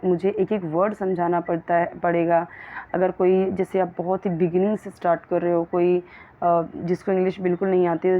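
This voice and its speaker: A woman teaching spoken English to beginners, patiently explaining and saying each example sentence slowly and carefully. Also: fairly low pitch. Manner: explains patiently, addressing learners as children. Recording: tinny phone-like audio.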